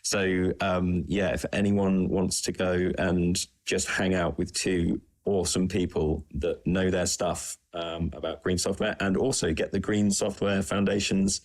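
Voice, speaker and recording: A man co-hosting a casual podcast chat over a video call, halting and full of ums and restarts. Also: low voice, little pitch movement. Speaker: podcast co-host.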